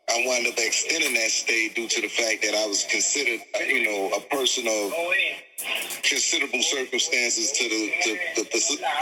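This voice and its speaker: A man, an interview guest who speaks in a measured, halting way and searches for words. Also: on the low side, pushed and bright, in a large hall, rough recording. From Miami, Florida. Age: 40s. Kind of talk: conversational interview.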